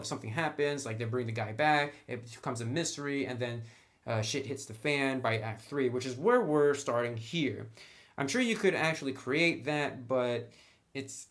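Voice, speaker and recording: Speaking at a medium pitch, this tabletop game reviewer chats informally and shares plenty of his opinions in a laid-back review.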